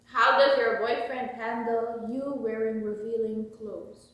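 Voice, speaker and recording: A woman's voice: fairly high pitch, steady tone, unhurried, distant mic, dull audio. A woman co-hosting a couple's vlog, chatting in an easygoing, giggly way. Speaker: vlog co-host. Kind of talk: casual chat. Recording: echoey room, away from mic.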